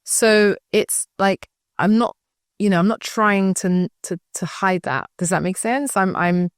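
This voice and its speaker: This British woman from the UK, a school founder appearing as a guest, answers interview questions reflectively and conversationally, often checking that she's understood. Her mid-range voice moves at a measured pace, captured in a dry, studio-quality recording.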